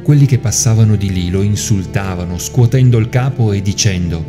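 A priest giving a measured, solemn liturgical scripture reading. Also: male voice, fairly low pitch. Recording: music playing underneath.

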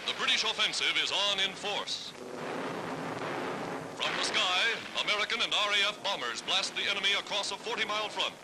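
A man's voice: high voice, a little fast, background noise. A man narrating an old wartime newsreel in a dramatic, rousing delivery. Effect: old newsreel sound. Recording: old newsreel with music behind.

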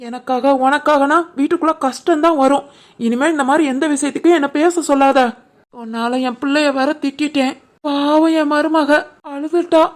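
A woman voicing a soft-hearted village mother in an animated family drama, gentle and pleading, with a southern Tamil Nadu village dialect. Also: high-pitched, moderate pace, close to an everyday voice.

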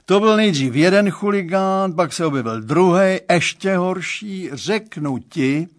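A man voicing an excitable, jovial middle-aged father with theatrical outbursts, in an audiobook reading. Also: high voice, voice pushed up. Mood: hearty.

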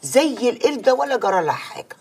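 A woman's voice: a little high, sing-song, fast talker, darkish tone, husky, full character voice. Doting Egyptian mother. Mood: gossipy. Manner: doting, gossipy. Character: fussing older mother, gossipy and doting.

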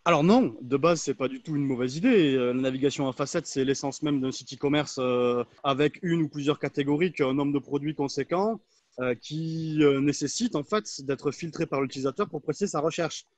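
Panelist guy, kinda high voice, dry close sound, lays out tips firmly. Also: fairly quick, no echo. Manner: assertive, structured advice-giving. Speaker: agency manager, panelist. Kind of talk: expert explanation on a webinar.

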